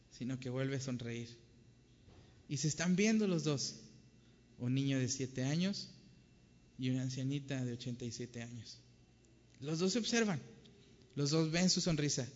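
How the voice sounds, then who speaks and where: Earnest preacher in a reverberant hall. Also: male voice, a little high, darkish tone. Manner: earnest, storytelling. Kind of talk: sermon. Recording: dull sound with long hall reverb.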